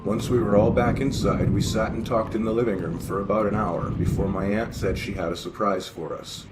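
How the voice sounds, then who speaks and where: A man reading horror stories aloud in a steady, even narration. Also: on the low side, fairly quick, very noisy. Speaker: story reader. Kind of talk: scripted horror story narration.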